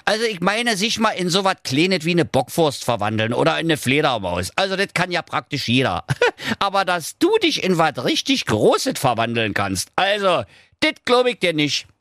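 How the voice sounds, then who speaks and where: A man voicing a cheeky, boastful male talking dog who teases and goads in a raised, lively voice. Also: a little high, normal speed, dry recording, studio quality, pitched above the performer's own voice. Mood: teasing. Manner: cocky, teasing, mocking laughter.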